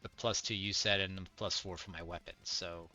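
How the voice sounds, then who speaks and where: A man's voice: deep voice, fairly even intonation, fairly quick, sharp tone, soft background music. A man playing a tabletop game, counting out his dice rolls methodically. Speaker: player. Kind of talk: casual tabletop game play.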